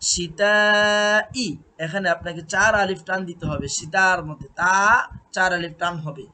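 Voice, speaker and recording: A man teaching Quran recitation, drilling syllables with long drawn-out chanting and patiently correcting pronunciation. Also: sits high, pushed and bright. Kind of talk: slow recitation lesson. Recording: faint background noise and clicks.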